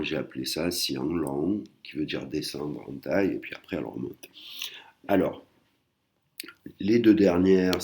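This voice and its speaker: A man's voice: low-pitched, darkish tone, slight background noise. A man teaching a language lesson, patient and explanatory, often repeating and rephrasing himself. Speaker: Thai teacher.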